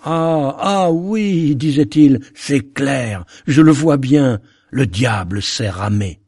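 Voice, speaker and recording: A man's voice: mid-range voice, expressive, slow, darkish tone, husky, dry recording, clean studio sound, voice pushed up, heavily acted. A man voicing a frightened old boat pilot who has lost his mind, raving in wild bursts. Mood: manic.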